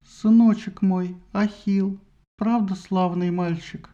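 A man's voice: high-pitched, steady tone, slow, warm tone, dull audio. A man voicing a fussy goddess mother who scolds her son and fawns to a god, in a satirical audiobook. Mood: fawning. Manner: scolding shrilly, fawning to superiors.

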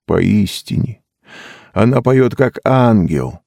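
A man voicing a sentimental, tearful young man who talks slowly with grand solemnity. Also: fairly low pitch, expressive, gravelly, mellow, dry recording, studio quality, pitched above the performer's own voice, full character voice. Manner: slow, weepy and grandly solemn.

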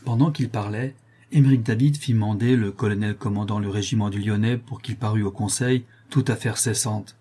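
Male audiobook narrator, measured historical storytelling, dark and husky. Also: fairly low pitch, fairly even intonation. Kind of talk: scripted historical novel narration.

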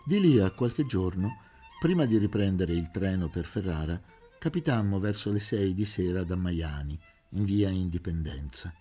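A man reading a literary novel aloud as an audiobook narrator, in a measured, expressive way. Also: low-pitched, soft background music. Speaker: audiobook reader.

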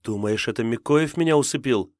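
A man voicing a frightened, fierce captive woman who shouts and pleads in a high, strained voice. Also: a little fast, no room sound, studio quality, natural voice. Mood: pleading.

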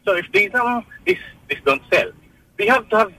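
A man with a Filipino accent calling in to a radio show over a speakerphone line, halting and full of ums as he gives his opinion. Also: high voice, lively intonation, sharp tone, dry recording, poor audio. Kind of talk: opinionated call-in comment.

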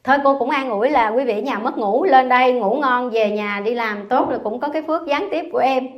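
A woman's voice: sits high, brisk, lo-fi sound. Nun teasing her class. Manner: teasing, scolding listeners with humor, asks the class questions. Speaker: Buddhist nun teaching scripture. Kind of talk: dharma talk to a temple class. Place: temple hall.

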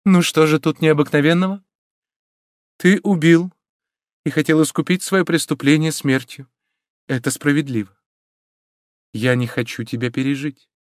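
A man reading an audiobook and voicing a proud, anguished young woman with high, strained cries. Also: a little slow, dry recording, studio quality, close to an everyday voice. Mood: grimly resolute.

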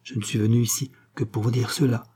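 Sentimental fake countess coaxing her lover, man reading her, dark husky voice, storybook. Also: mid-range voice, steady tone, fast talker, close to an everyday voice.

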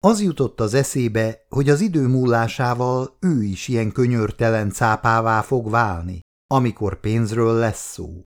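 A man reading a novel aloud as an audiobook narrator, with expressive, animated delivery. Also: mid-range voice, hardly any pauses.

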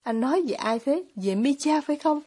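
A woman voicing a gentle, devout young man who speaks quietly and deliberately, read as an audiobook. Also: high voice, expressive, breathy edge. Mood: pleading. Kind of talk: audiobook reading of dialogue.

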